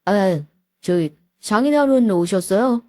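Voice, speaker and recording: A woman's voice: mid-range voice, expressive, unhurried, a little mellow, no echo, studio quality, close to an everyday voice. A woman voicing an evasive husband who talks in an awkward, hesitant, stiffly polite way.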